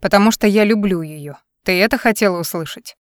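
A weary, level-headed young man musician, curt but patient, as a woman reader puts him on. The voice sits at a middle pitch and is heard close and dry. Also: fairly quick, no echo, natural voice. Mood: concerned.

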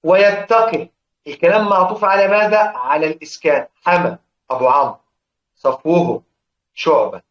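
A man with an Egyptian accent teaching a class on Quran reading, his voice sitting a little high for a man. He quizzes his listeners and answers himself, dropping into slow chant for quoted lines. The recording is roomy and echoey, with a dull, lo-fi sound. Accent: Egyptian Arabic. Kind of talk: religious lesson explaining verse.

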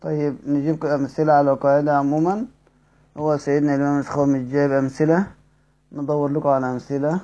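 A man with an Egyptian accent leads a Quran recitation lesson in a high, clear voice. He explains rules in quick colloquial speech, quizzes his students, and slows right down to recite verses. The sound is dull and muffled. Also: flat delivery, warm tone. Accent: Egyptian Arabic. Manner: addresses students directly with questions.

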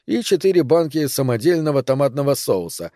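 A man reading a novel aloud in measured, even narration. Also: medium pitch, no echo, studio quality. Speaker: audiobook reader. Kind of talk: scripted narration.

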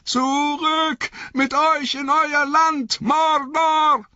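A man voicing a frightened young male hobbit who shouts thin, shrill defiance at his pursuers in an audiobook reading. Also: level tone, very slow, no room sound, highs cut off, full character voice. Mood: desperate defiance.

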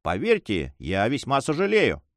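Man doing a haughty, impatient nobleman, raised lively pitch, dry close sound, audiobook. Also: moderate pace, dry recording. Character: haughty, hurried male nobleman, a spy.

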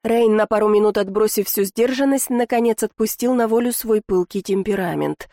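A woman's voice: mid-range voice, moderate pace, mellow, dry recording, clean studio sound. Wry woman narrating an audiobook. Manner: wry, ironic storytelling. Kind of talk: first-person audiobook narration.

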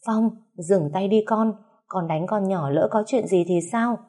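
A woman's voice: mid-range voice, a little slow, dark tone, close to an everyday voice. A woman voicing a weary older mother-in-law, grumbling tiredly.

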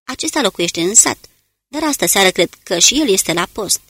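A woman voicing a calm, commanding male commando guide who gives terse, low-voiced orders in an audiobook reading. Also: slightly rough, dry recording. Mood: steady.

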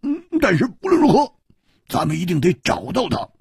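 Man doing a loud rowdy swordsman. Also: sits high, big pitch swings, normal speed, gravelly, husky, no room sound, studio quality, pitched above the performer's own voice, heavily acted. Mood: boisterous. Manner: loud, sighing, chuckling, fillers. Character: rough hearty young swordsman, boisterous.

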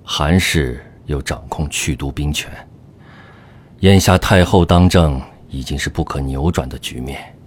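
A male actor playing an earnest, troubled government minister in a Chinese historical audio drama, speaking in a hushed, weighty way. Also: a bass voice, measured pace, husky, full character voice. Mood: worried, subdued.

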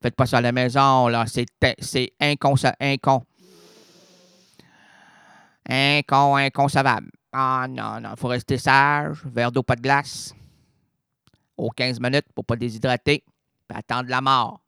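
A man's voice: mid-range voice, steady tone, unhurried, gravelly, long pauses, bright, forceful tone, clean tone, dry recording, studio quality. A man hosting a radio show, rambling playfully through a comic retelling full of wordplay and stammered restarts. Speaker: radio host. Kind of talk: absurd comic storytelling on radio.

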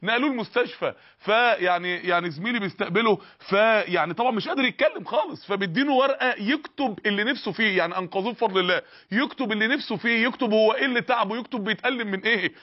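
A man's voice: high voice, very fast. A man with an Egyptian Arabic accent preaching an impassioned sermon, pressing the crowd with repeated rhetorical questions. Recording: dull lo-fi recording.

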